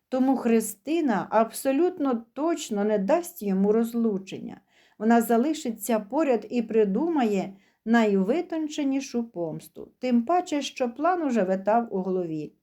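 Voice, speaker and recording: A woman narrating a dramatic story in a steady, even reading manner. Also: on the high side.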